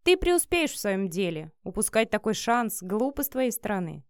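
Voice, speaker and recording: A woman's voice: mid-range voice, very animated, moderate pace, clean tone, no echo, studio quality. A woman voicing a brash, loyal, hot-tempered young female friend in an audiobook, with a blunt, aggressive manner. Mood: persuading.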